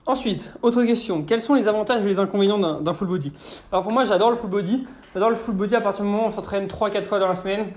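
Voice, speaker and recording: High-voiced chatty French podcast host. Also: male voice, quick pace. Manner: chatty, hesitant, many fillers and restarts. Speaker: podcast host answering listener questions. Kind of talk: casual solo podcast, answering questions.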